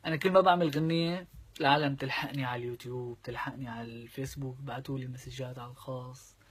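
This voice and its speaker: Fast-talking husky Syrian man. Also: medium pitch, fairly even intonation. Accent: Syrian Arabic. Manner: explains with quick sung demonstrations. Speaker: singer and vlogger. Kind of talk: casual chat to camera.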